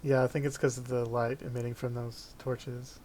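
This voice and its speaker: A male game master narrates a tabletop fantasy game. His pitch is middling and his intonation is quite flat. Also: normal speed, slight background noise.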